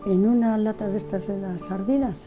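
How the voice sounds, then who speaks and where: An older woman, the artist's widow, reminisces casually in an interview, rambling through old memories and often repeating words or restarting. Her medium-pitched voice is fairly even and fairly quick, heard over music.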